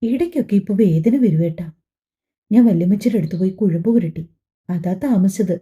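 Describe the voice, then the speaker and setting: A woman voicing a gentle young pregnant wife in a family audiobook, speaking in a pleading, tearful way. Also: medium pitch, fairly quick, close to an everyday voice. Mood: soft, gentle. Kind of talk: audiobook dialogue.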